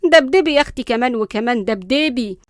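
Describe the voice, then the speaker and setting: Woman doing a loud scolding Egyptian grandmother, fierce, sarcastic, fast, high voice, dry sound. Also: expressive, dry recording, natural voice.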